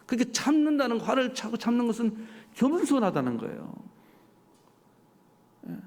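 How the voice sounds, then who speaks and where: A male pastor delivering a sermon, animated and full of rhetorical questions to his congregation. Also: very high voice, normal speed. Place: church sanctuary. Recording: church hall reverb.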